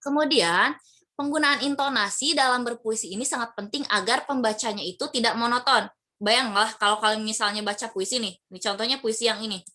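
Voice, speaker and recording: A woman's voice: a little high, a little fast, pushed and bright. A woman teacher giving an online lesson to her class, explaining patiently with many fillers and rhetorical questions.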